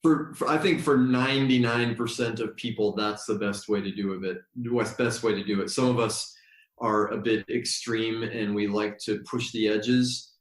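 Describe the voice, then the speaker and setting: A man who is a yoga teacher and guest, telling stories in a thoughtful, unhurried way with many pauses. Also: fairly low pitch, steady tone. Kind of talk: relaxed storytelling in conversation. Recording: roomy echo.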